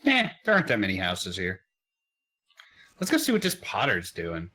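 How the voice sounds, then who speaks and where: A man's voice: low voice, wildly swooping pitch, moderate pace, sharp tone, husky. A man in a casual let's play, reading game dialogue aloud and chatting as he plays. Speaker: co-op game player.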